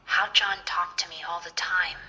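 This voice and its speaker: A woman's voice: lowish voice, steady tone, a little slow, bright, forceful tone, faint music behind, poor audio. A woman voicing a frightened young woman driving alone at night, asking pleading, panicky questions.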